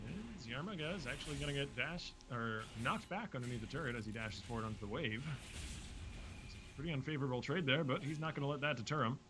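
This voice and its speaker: Man giving lively esports play-by-play. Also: medium pitch, noisy background. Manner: quick, lively play-by-play with wry jokes. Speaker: esports caster. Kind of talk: play-by-play commentary.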